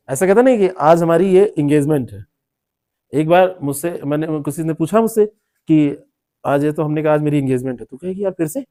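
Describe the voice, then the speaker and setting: A man's voice: fairly high pitch, warm tone. A man teaching a classroom lecture, explaining word meanings, repeating terms and quizzing students by name. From India.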